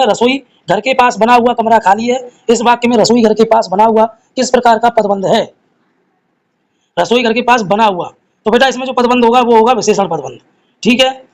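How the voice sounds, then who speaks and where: A man's voice: extremely high pitch, low-quality recording. A man teaching a live grammar class, reading each quiz question and its options aloud, then explaining the answer and addressing his students fondly as children.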